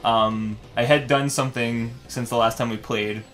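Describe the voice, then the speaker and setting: A man's voice: medium pitch, fairly even intonation, moderate pace, a bit bright. A man casually commentating as he plays a game, his voice sounding tinny and metallic, like he is in a tin can. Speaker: host and player of a gaming series. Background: video game music.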